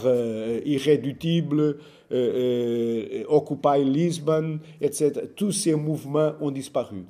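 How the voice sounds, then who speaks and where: Male speaker for an informal talk: foreign, Portuguese accent in French, slow and halting, soft-edged mellow tone. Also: medium pitch. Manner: foreign accent in French, halting delivery with searching for words and repeats. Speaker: speaker giving a political overview.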